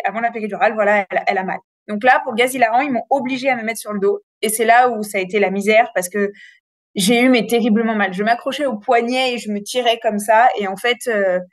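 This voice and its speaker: A woman in her thirties frankly telling a long personal story in a casual, animated way, with many fillers. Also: mid-range voice, no room sound, studio quality. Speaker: interview guest.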